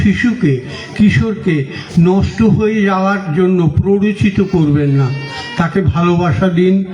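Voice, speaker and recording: A high-voiced man with a Bengali accent preaches at a slow, easy pace. He puts questions to his listeners and answers them himself, and the recording is dull and lo-fi with a roomy echo. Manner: unhurried storytelling with gentle humor. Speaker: monk giving a religious talk. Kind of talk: sermon.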